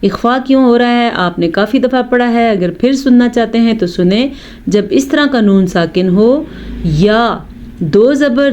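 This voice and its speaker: A woman teaches tajweed in a smooth, clear voice of middle pitch. She explains each rule patiently and then chants the verses slowly, drawing out the vowels. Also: a little mellow, dull audio. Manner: explains rules slowly, then recites verses drawn out and melodic. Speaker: Quran recitation teacher. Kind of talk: tajweed lesson.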